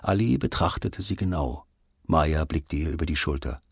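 A man narrating an audiobook in an expressive reading style. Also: very deep voice, moderate pace, gravelly, breathy edge, no room sound, studio quality. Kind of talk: scripted narration.

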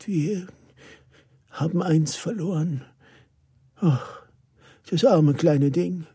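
A man voicing an excitable older housekeeper in a storybook audiobook, calling out loudly, later tearful. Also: a little high, very slow, slightly rough, dry recording, studio quality, pitched above the performer's own voice, exaggerated voice. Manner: excited shouting, then tearful and broken.

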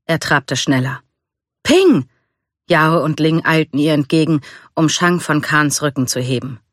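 Calm storybook narrator, dry close sound. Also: mid-range voice, normal speed, no echo. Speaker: storybook reader. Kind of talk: scripted narration.

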